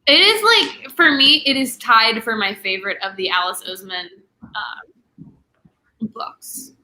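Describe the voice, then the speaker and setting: Bright chatty young woman host. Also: a little high. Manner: chatty, many "like" fillers, quick asides. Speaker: booktube host. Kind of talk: casual livestream book chat.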